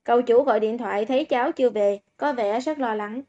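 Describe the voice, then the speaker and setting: A woman's voice: on the high side, fairly quick, close to an everyday voice. A woman reading a caring middle-aged housekeeper. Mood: concerned. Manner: gentle, concerned. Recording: dull lo-fi recording.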